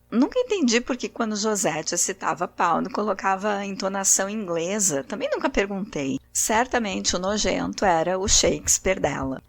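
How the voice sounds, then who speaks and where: A woman hosting a literature podcast, reading a grotesque comic story aloud and voicing its characters' quotes with shifts in pitch. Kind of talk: expressive reading of grotesque fiction.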